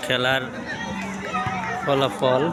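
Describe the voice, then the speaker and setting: A man's voice: medium pitch, completely flat delivery, drawn-out words, over loud music. A man giving informal running commentary from beside an outdoor village football match. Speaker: amateur match videographer and commentator. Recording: very noisy outdoor recording, loud crowd.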